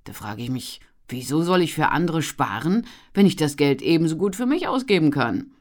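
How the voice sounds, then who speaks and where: A narrator voicing a jovial, stocky peddler in his thirties, calling out loudly and cheerfully in an audiobook. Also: big pitch swings, normal speed, close to an everyday voice. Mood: candid. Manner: loud, cheerful, booming calls. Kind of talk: audiobook character voice.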